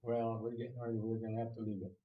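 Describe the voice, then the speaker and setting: A man's voice: medium pitch, monotone, rapid-fire, phone-quality sound, a little hiss or hum. Elderly man rambling in an echoey room. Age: 80s. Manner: rambling, folksy, with restarts. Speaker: property owner. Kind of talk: casual testimony.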